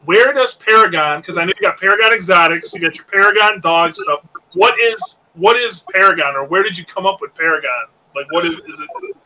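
A man in his late thirties hosts a live-streamed podcast in easygoing, rambling casual chat. His voice sits a little high and sounds very bright and forceful. He drifts between thoughts and leans on fillers as he goes. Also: fairly quick, a little hiss or hum, low-quality recording. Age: 30s. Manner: laid-back, rambling, filler-heavy. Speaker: podcast host.

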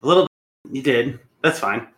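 A man's voice: mid-range voice, lively intonation, fairly quick, fairly bright tone. Congested young man with a cold. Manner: eager, jokey. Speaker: podcast co-host. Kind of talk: casual chat.

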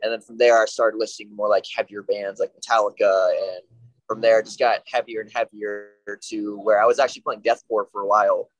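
Low-voiced man in his late twenties, dry sound. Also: little pitch movement, a little fast, no room sound, rough recording. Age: 20s. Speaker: band musician. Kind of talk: casual podcast interview.

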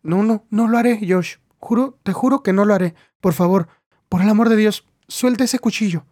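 A man voicing a frightened young woman who pleads in a high, strained voice in an audiobook story. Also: moderate pace, a little mellow, no room sound, clean studio sound. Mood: pleading terror.

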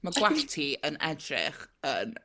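A woman's voice: low voice, very animated, unhurried, a crowd in the background. A woman with a South Welsh accent talking candidly and casually as a podcast co-host. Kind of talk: casual chat.

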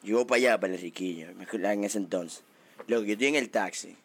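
Fast-talking Dominican man telling a story. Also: lowish voice. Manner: animated storyteller, laughs often. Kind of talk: casual chat.

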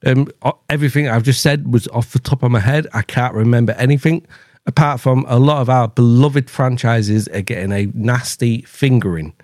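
A man's voice: mid-range voice, normal speed, darkish tone, no room sound, studio quality. A man hosting a podcast, giving a profane, improvised rant in a mock-horrified commentary voice. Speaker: podcast host.

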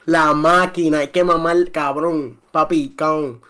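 A Puerto Rican man on a podcast, chatting excitedly and filling every phrase with slang. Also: a little high, a little slow. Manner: excitable, repeats slang fillers constantly. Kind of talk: casual podcast chat.

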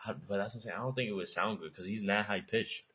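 Young man, very low voice, husky, laid-back slangy podcast chat. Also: quick pace, sharp tone. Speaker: podcast co-host. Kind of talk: casual chat.

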